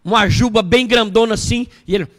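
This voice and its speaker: A man, a bishop preaching a sermon at a church service. He tells the story in an animated way and puts questions to the congregation. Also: sits high, brisk.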